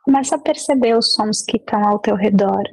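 A woman leading a guided meditation. She gives gentle, unhurried instructions with long pauses between them. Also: medium pitch, creaky.

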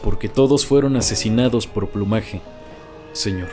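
A man's voice: fairly low pitch, moderate pace, lightly acted. A man playing a respectful police assistant who addresses his superior as sir. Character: deferential young male police assistant. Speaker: detective's assistant. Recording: loud music under the voice.

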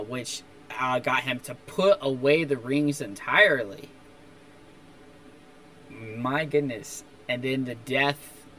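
An enthusiastic young man in a casual movie review chat, with a bright, forward voice. He throws in emphatic asides as he talks. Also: medium pitch, a little hiss or hum. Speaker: movie review podcast co-host.

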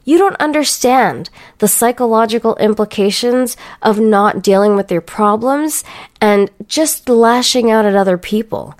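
A woman's voice: mid-range voice, a little mellow. A woman hosting a solo podcast, talking in a blunt, profane, ranting and sarcastic way. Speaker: podcast host.

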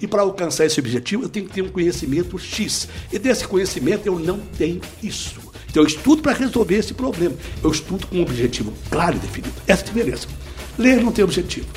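Male teacher guest, bit high, very lively delivery, didactic, faint music behind. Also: fast talker. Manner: lively, didactic, full of examples. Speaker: speed-reading teacher, guest. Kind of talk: explanatory interview answers.

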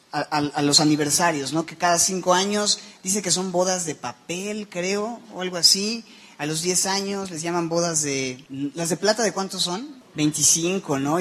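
A young pastor preaching a sermon. His voice sits a little high for a man. He talks in a loose, chatty way and cracks jokes at his own expense. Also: fairly bright tone. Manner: joking, conversational, self-deprecating.

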